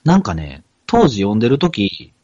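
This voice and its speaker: A man's voice: on the low side, huge pitch swings, moderate pace, a little mellow, lo-fi sound. A young man with a Kansai accent, chatting casually as a podcast co-host and at times reading a short passage aloud. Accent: Kansai Japanese. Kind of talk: casual chat.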